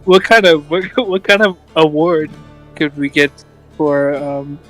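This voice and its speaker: A man's voice: a little high, a little slow, a bit bright, soft background music, poor audio. A man playing a character in a tabletop game, talking in a hesitant, teasing way with many restarts. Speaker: player.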